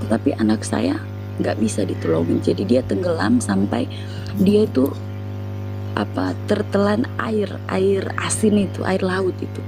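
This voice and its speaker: A woman's voice: fairly low pitch, sing-song, measured pace, rough recording. Woman telling her testimony in an interview, earnest and emotional, music going in the background. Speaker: interview guest giving testimony. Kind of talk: personal religious testimony.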